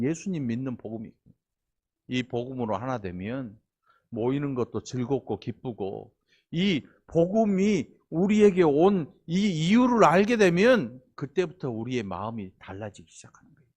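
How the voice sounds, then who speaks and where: A man's voice: medium pitch, darkish tone. A male pastor delivers a sermon in a folksy, playful way. He keeps stopping to quiz and tease the people in the pews. He sounds middle-aged. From Honam region of Korea. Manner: folksy, teasing the congregation with asides and questions.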